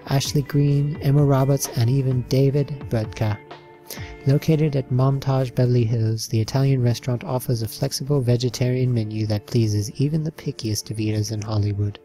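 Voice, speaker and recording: A slideshow narration is read by a man whose middle-pitched voice is warm and mellow. He keeps an even, listing delivery with an occasional slip, accompanied by soft background music.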